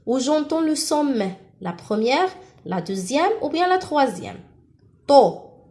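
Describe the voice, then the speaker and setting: A woman teacher, leading a slow phonics lesson for young children, repeating and stretching syllables. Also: sits high, big pitch swings, a little mellow.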